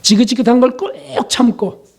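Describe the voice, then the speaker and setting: A man, a pastor, preaching a sermon in an earnest conversational way, asking the congregation questions and acting out prayers in a softer voice. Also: steady tone, moderate pace, slightly rough. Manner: shifts into quoted prayers, softer and lower, at times whispered.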